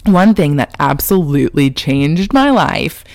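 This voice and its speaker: A woman's voice: low voice, sing-song, measured pace, a little mellow, dry recording, clean studio sound. A woman with an American valley girl accent and manner, talking casually and confessionally to her online viewers about faith, peppering her sentences with "like".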